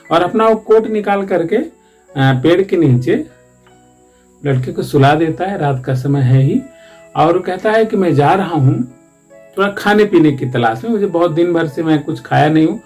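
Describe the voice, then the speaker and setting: A man's voice: on the high side, darkish tone. A man, a teacher, explaining the story of a one-act play from a Hindi textbook in a loose, rambling way with frequent restarts.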